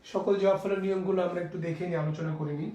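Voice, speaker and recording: A male teacher from Bangladesh gives a spelling and pronunciation lecture with a fairly high voice. He repeats each rule, asks his class rhetorical questions and pronounces the example words slowly. The recording has a roomy echo. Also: fairly even intonation, warm tone. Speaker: college teacher. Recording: echoey room.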